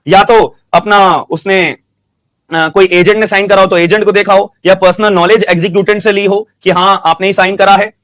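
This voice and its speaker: A man teaching a law class, speaking slowly and repeating questions and answers so students can write them down, with phrases. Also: high-pitched, fairly even intonation, fairly bright tone. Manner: slow dictation, repeats questions and answers, frequent "ठीक है" checks. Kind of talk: classroom lecture.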